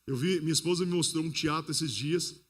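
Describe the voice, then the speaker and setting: A Brazilian man preaches to a congregation in a fairly high voice. His sermon is lively, he speaks straight to the listeners, and he acts out the people in his stories. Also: a little fast. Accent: Brazilian Portuguese. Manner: storytelling that acts out the people it quotes. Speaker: pastor.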